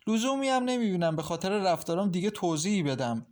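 A man's voice: sits high, big pitch swings, darkish tone, pitched above the performer's own voice. A firm, weary young wife, as a male narrator puts her on. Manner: firm, aggrieved. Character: young woman, weary and resolute.

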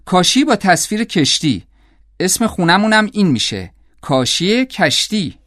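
A man voicing an excited boy who pushes his own idea for naming the family house. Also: high-pitched, dry recording, studio quality, voice pushed up. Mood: eager. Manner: eager, pushy, pleased with himself.

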